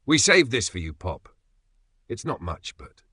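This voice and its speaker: A man's voice: lowish voice, big pitch swings, a little slow, pushed and bright, husky, no room sound, clean studio sound, heavily acted. A man playing a shaky, remorseful teenage boy. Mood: tender. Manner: shaky, hesitant and apologetic.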